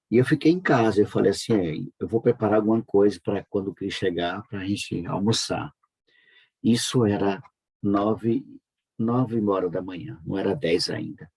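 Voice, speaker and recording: A man's voice: low-pitched, darkish tone, slightly rough. A man from Brazil giving an earnest, heartfelt church testimony, his voice rising into pleading peaks as he recounts his story. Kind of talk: emotional spoken testimony.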